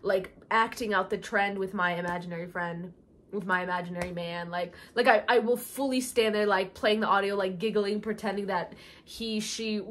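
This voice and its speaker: A woman's voice: mid-range voice, fairly even intonation, moderate pace, a bit bright. Theatrical young woman dishing gleeful gossip. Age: young adult. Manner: slangy, heavy use of "like". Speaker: vlogger reading followers' confessions. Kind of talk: casual chat, reading out and reacting to confessions. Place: small bedroom, indoors.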